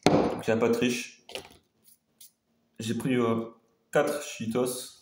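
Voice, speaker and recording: A man's voice: medium pitch, little pitch movement, slow pace, darkish tone. Man vlogging casually in a roomy echo. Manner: hesitant, rambling, repeating himself. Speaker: food taste-test vlogger. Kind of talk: casual chat to viewers. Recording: roomy echo, faint background noise.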